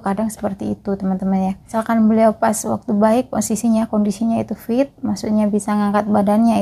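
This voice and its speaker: A woman's voice: medium pitch, gravelly, dark tone. A woman from East Java, a migrant caregiver chatting casually to her viewers in a vlog and often calling them friends. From East Java, Indonesia.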